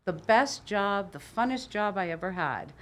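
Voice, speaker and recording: An older Cuban woman with a mid-range voice tells stories at an unhurried pace as a guest on a casual podcast. She is boisterous, opinionated, and animated, speaking in a podcast studio.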